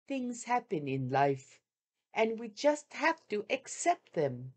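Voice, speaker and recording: An older woman reads a first-person wartime memoir aloud, slowly and with feeling, her voice fairly high, sing-song, and a little mellow. Her reading is measured and heartfelt with drawn-out pauses, captured on a video call webcam in a home room with shoji screens.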